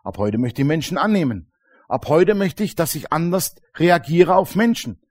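A man preaching a sermon to a congregation, lively and colloquial, acting out little dialogues and often calling out "Amen". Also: fairly high pitch, moderate pace. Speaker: pastor. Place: church congregation.

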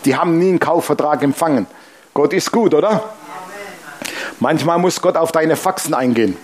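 A man preaching to his congregation as pastor, blunt and colloquial, acting out the voices in the stories he tells. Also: a little fast. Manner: animated storytelling, acting out dialogue with shifting pitch. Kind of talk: sermon.

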